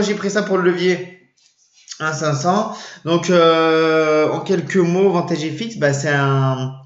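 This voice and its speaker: Hesitant man in a roomy lo-fi recording. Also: on the high side. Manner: hesitant, many fillers and restarts. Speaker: trading channel host. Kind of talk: casual explainer vlog. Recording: roomy, dull lo-fi sound.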